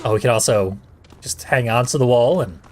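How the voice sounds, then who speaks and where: A man's voice: mid-range voice, a little fast, a little mellow. A man giving casual, dryly sarcastic commentary as the host of a video game playthrough. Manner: dry, sarcastic wisecracking. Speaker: let's play host.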